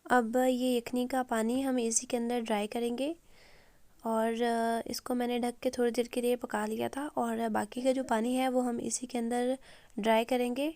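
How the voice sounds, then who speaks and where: Hoarse woman, cooking voice-over, fairly high voice, flat steady delivery, dry close sound. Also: no room sound. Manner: calm, step-by-step with frequent "uh" pauses. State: sore throat, hoarse. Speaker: cooking channel host. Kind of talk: recipe voice-over.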